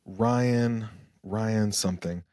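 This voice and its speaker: A young man with a lowish voice talks as a podcast guest, relaxed and reflective, often restarting his sentences. He was raised between Germany and Arizona. The sound is dry and close, with no room around it. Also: extremely slow, dry recording. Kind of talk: casual interview conversation.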